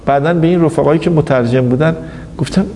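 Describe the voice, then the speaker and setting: A man's voice: on the high side, gravelly, dark tone. A man giving an anecdotal lecture, telling a story and animatedly quoting the people in it. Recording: reverberant hall, faint background noise.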